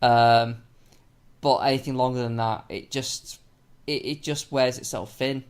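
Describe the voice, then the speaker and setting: A man's voice: medium pitch, fairly even intonation, unhurried, clear, resonant tone. Male podcast co-host, hesitant and rambling, lots of likes and ums. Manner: hesitant, rambling, filler-heavy. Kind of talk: casual film-commentary chat.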